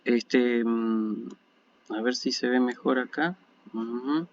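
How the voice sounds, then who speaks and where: A man's voice: medium pitch, steady tone, takes it slowly. A man with an Argentine Spanish accent giving an online university lecture, explaining patiently and often checking in with listeners. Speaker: university lecturer in Ancient Greek. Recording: dull lo-fi recording.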